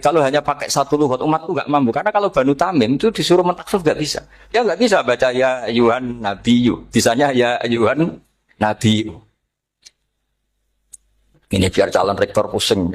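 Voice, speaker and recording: A middle-aged man giving a religious study lecture, explaining Quranic readings and slowly chanting Arabic phrases. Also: mid-range voice. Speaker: Islamic preacher.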